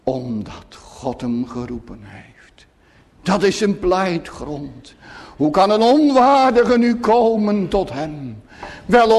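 A man preaching a sermon to his congregation, solemn and emphatic, often dropping to hushed tones. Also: high-pitched. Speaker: pastor. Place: church. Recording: long church reverb.

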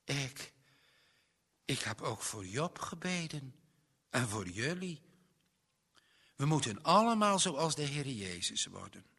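A man voicing a remorseful, gentle little boy who pleads in a high, tearful voice. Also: big pitch swings, slow pace, creaky, long pauses, breathy edge, exaggerated voice. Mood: earnest. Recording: long reverb.

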